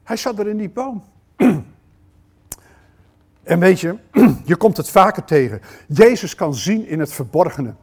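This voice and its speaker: A male preacher delivering a sermon at a church service. His voice sits high and he takes his time, drawing out his words. He speaks straight to the congregation with questions, and his volume keeps swinging between loud and hushed. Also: lively intonation, measured pace, long pauses, slightly rough. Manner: talks directly to the congregation with questions.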